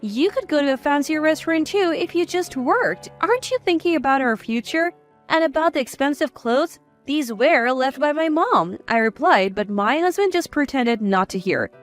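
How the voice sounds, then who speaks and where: A woman in her sixties telling a first-person story in a measured, confiding way. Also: high voice, animated, soft background music. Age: 60s. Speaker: narrator.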